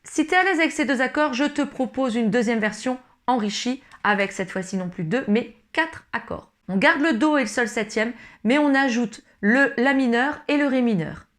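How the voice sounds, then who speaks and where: A woman's voice: on the high side, normal speed, few pauses, a bit bright. A woman teaching ukulele, explaining each step patiently and talking to the learner informally. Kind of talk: tutorial explanation. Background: ukulele strumming.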